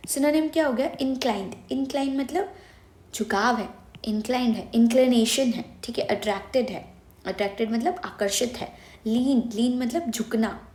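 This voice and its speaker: A woman's voice: fairly high pitch, a little mellow, roomy sound. A young woman teaching vocabulary for exam prep, explaining step by step and asking questions she then answers herself. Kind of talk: Hindi-English mixed vocabulary lesson.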